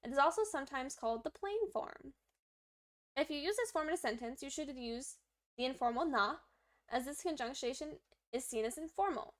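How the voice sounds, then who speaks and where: A woman with a high, fairly bright voice reads from her lesson during a live study session. She keeps up an upbeat running commentary to herself as she writes out and works through examples.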